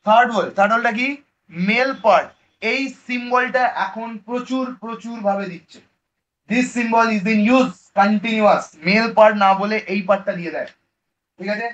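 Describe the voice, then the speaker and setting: A man with a Bengali accent teaches a biology lesson in a high voice. He fires questions at his students, answers them himself and keeps mixing English terms into casual talk. The recording sounds dull and lo-fi. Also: normal speed, fairly bright tone. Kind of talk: online class lecture.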